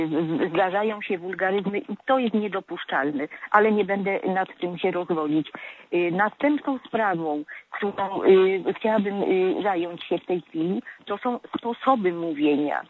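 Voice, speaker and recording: Over a tinny phone line carrying a little hiss or hum, a woman with a mid-range voice calls a radio show. She lectures on correct speech, stumbling through many hesitant filler sounds.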